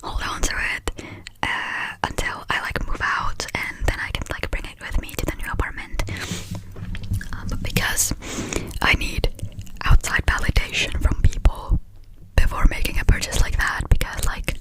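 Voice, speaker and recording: A young woman from Finland whispering a fast, scattered, casual ASMR ramble with breathy delivery and frequent hesitations while chewing gum. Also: low-quality recording. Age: young adult, about 18. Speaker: ASMR creator.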